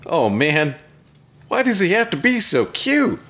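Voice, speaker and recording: A man doing a high, excitable little robot. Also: a little slow, heavily acted. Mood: fond. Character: small eager young male robot. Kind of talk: comic script table read.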